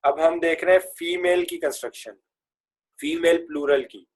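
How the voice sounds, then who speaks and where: ایک مرد استاد کلاس میں عربی فعل کے صیغے پڑھاتا ہے، انگریزی اصطلاحات ملا کر بولتا ہے اور طلبہ سے صیغے دہرواتا ہے۔. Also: male voice, on the high side, steady tone. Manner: chants verb forms and has students repeat; mixes English grammar terms into his speech. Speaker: Arabic grammar teacher. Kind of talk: classroom lesson with recitation drills.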